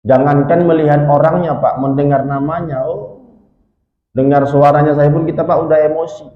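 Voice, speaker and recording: Male preacher telling a story to the crowd, keeps talking to them, fairly high voice, echoey hall. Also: brisk, phone-quality sound. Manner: lively, keeps addressing the congregation. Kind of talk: sermon storytelling.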